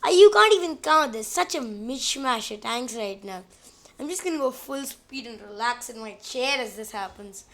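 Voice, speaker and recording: A woman giving excitable gameplay commentary on a battle simulation, rambling, easily amused and counting units aloud. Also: fairly high pitch, normal speed.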